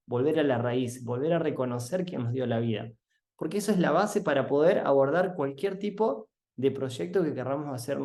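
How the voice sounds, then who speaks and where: A man, a family constellation therapist guiding a visualization and explaining in a calm, earnest way. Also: mid-range voice.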